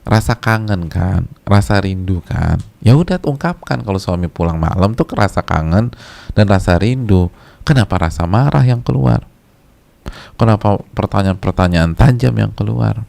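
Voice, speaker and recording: Low gravelly male preacher. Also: expressive, moderate pace, darkish tone. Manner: conversational, repeats key phrases for emphasis; chants short religious verses between plain talk. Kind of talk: casual religious lecture.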